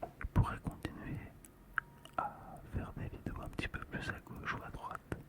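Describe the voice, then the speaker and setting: An ASMR host whispers breathily and unvoiced, close to the microphone, in a slow, gentle, soothing manner. The close ASMR mic is monitored on headphones.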